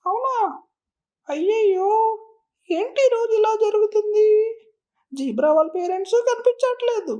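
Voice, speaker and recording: Cartoon squirrel, young and excitable, a woman voicing it: very high, mellow tone, pleading and chatty. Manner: urgent, repeatedly calling out and begging. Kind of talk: cartoon voice acting.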